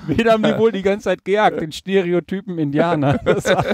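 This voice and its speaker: A man's voice: sits high, a little fast, dry recording. A man from Berlin co-hosting a casual podcast, telling anecdotes and teasing his co-host drily. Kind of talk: casual chat.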